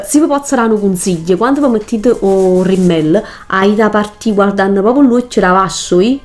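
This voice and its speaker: A woman's voice: mid-range voice, a little mellow. A woman speaks in a mid-range voice with a Neapolitan Italian accent, over background music. She talks like a chatty tutorial vlogger, slipping into dialect. Her delivery is colloquial and emphatic, with instructions repeated for emphasis.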